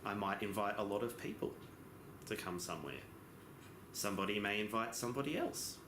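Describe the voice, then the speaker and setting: A low male voice delivers a simultaneous interpretation of a lesson, with lively swings in pitch. He explains phrase by phrase, pausing between them and sometimes correcting himself. The room is noticeably echoey. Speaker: interpreter giving voice-over for a sign language lesson. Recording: echoey room with background noise.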